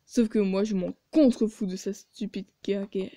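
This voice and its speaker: A woman's voice: mid-range voice, steady tone, normal speed, mellow, no echo. A woman reading a story game aloud and adding sarcastic asides. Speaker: video game player.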